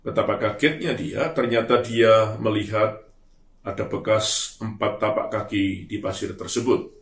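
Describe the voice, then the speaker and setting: A man's voice: fairly low pitch, fairly even intonation, measured pace. Earnest male pastor in an echoey room. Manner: earnest, emphatic, trailing off softly at phrase ends. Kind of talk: sermon. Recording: roomy echo.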